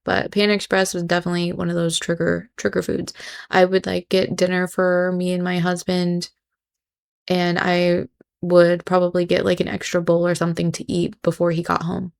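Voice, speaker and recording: Woman host, low and fry-heavy, sarcastic and judgmental in her reactions. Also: completely flat delivery, normal speed. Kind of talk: reaction commentary.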